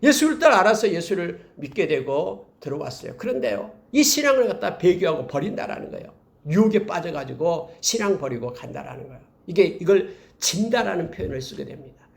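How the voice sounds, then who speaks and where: Casting: male pastor, middle-aged, sermon delivery, gravelly voice, somewhat high pitch. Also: fairly quick. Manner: preaching with animated emphasis, addressing the congregation.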